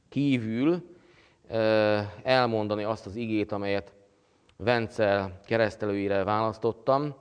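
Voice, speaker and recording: A man preaching a sermon as pastor, with a halting delivery full of pauses and fillers. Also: on the low side, smooth, long reverb tail. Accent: Hungarian.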